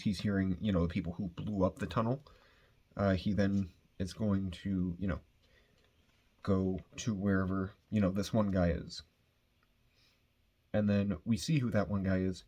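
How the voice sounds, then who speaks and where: A man with a somewhat low, husky voice recaps a comic book plot in an easygoing, rambling way. He fills his talk with loose asides and swears offhandedly. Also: darkish tone. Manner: rambling, filler-heavy, swears casually.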